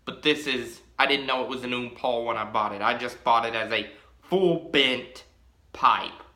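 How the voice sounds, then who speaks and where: A young pipe-collecting vlogger holds a pipe up to the camera and talks about it in a casual show-and-tell. He rambles, dragging things out with plenty of ums. His medium-pitched voice is bright and forceful, and the small room at home gives it a roomy sound.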